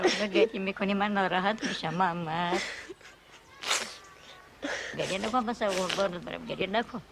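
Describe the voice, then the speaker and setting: A woman's voice: mid-range voice, background noise, natural voice. An actress playing a tender older grandmother who soothes and coaxes her grandson with endearments. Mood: consoling.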